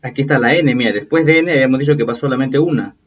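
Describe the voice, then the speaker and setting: A man teaching a recorded review lesson, explaining patiently and checking in with quick "okay?" and "right?" questions. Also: medium pitch, slightly rough. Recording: distant, dull lo-fi voice.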